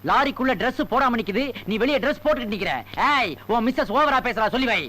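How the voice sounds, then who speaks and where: A man's voice: very high voice, fast talker, noisy background. An actor playing a snobbish, foreign-returned rich man who mocks and scolds his neighbours. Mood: scolding. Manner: mocking, scolding. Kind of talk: Tamil film comedy acting.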